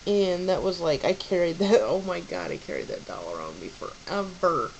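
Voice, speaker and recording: A woman's voice: on the low side, big pitch swings, moderate pace, gravelly, darkish tone, dull audio, a little hiss or hum. A young woman vlogging about baby names in a rambling, casual way, full of fillers and restarts.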